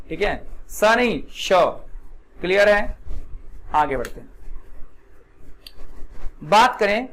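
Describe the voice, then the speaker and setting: High-voiced man teaching with quizzing repeats. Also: slight background noise. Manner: repetitive call-and-response questioning. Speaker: spoken English teacher. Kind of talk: classroom lesson.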